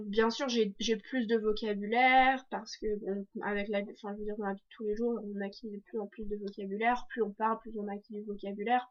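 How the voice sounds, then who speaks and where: A teenage girl from France talking casually to camera in a video diary, chatty with many fillers and restarts. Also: mid-range voice. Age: teens. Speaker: exchange student vlogger. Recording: dull lo-fi sound.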